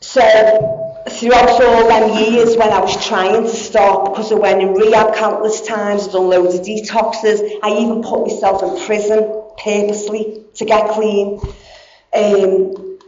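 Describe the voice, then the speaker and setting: A woman in her 40s gives a candid, blunt talk about her recovery, swearing plenty along the way. Her mid-range voice is flat, measured, and a little mellow, and the recording has a dull, echoey hall sound.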